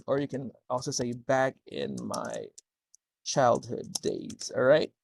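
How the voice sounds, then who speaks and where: A man's voice: medium pitch, huge pitch swings, slow, creaky, darkish tone, husky. A man tutoring English one-to-one, explaining corrections step by step and checking understanding with "okay?". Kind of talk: one-to-one speaking lesson.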